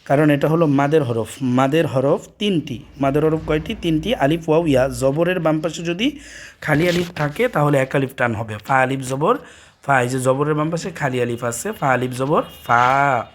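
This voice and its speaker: A man with a Bangladeshi accent teaching a Quran reading lesson, sounding out letter pairs slowly and repeating each drill. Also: on the high side, a little hiss or hum. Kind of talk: slow recitation lesson with drills.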